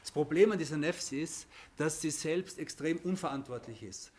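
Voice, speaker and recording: A man's voice: on the high side, moderate pace, darkish tone. Man teaching a religious lesson. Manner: explains with everyday examples, many restarts and "okay?".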